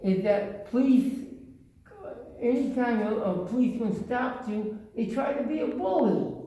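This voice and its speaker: Woman in the crowd asking a question, mellow dark voice, far from the mic, echoey. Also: a little high, expressive, a little hiss or hum. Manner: slow and questioning. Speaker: audience member asking a question. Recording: distant, echoey room.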